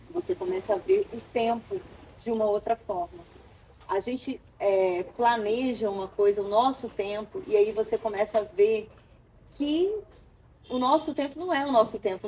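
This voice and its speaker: A woman from Brazil, an interview guest, telling an emotional personal story with animated storytelling and acted-out dialogue. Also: medium pitch, moderate pace, a little hiss or hum.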